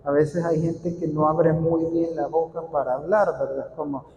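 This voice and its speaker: This man's voice sits on the high side, with a flat, darkish delivery at normal speed, and the audio is dull with slight background noise and long hall reverb. He's informally instructing a group of church readers, going back over key points and answering their questions.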